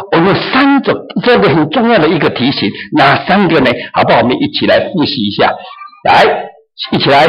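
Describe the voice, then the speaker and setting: A man's voice: fairly high pitch, a bit bright, rough recording. A man preaching a sermon as pastor, emphatic, sometimes acting out quotes and mixing in English phrases. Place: church in New Zealand.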